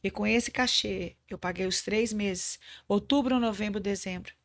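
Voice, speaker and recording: Host role: an earnest woman giving an emotional faith testimony, mid-pitched voice. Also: normal speed. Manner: earnest, speaks of God speaking to her. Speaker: podcast host.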